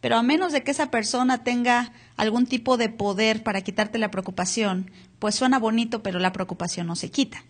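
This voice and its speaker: A woman's voice: a little high, a little fast, hardly any pauses. A woman pastor preaching a live church sermon, asking the congregation to read along and repeat words aloud. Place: church hall, captured live.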